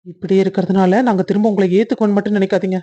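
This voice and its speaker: Actor doing a mellow-toned, hurt young cartoon guy, muffled audio. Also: mid-range voice, flat delivery, very fast, lightly acted. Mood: resentful. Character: young man, bitter and hurt by his runaway sister. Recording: dull lo-fi audio.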